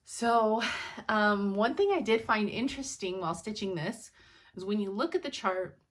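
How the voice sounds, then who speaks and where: A woman's voice: medium pitch, expressive, normal speed. A young woman in casual, rambling chat as a cross-stitch vlogger at home, sounding sleepy and laughing often.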